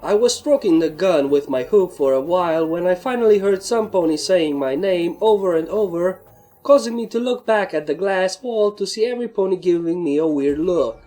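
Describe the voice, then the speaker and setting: A woman narrating a fan story in the first person, with a steady, plain reading. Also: fairly low pitch, moderate pace, soft background music. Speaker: fanfic reader.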